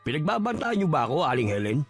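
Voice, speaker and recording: A man's voice: fairly high pitch, sing-song, fast. A man voicing an arrogant, cruel young neighborhood thug who speaks in a mocking, insolent way. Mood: sneering. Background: faint music.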